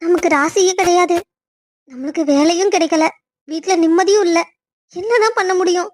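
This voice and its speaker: Woman doing a high-voiced young cartoon woman, tearful, defensive, despairing. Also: moderate pace, no echo, clean studio sound.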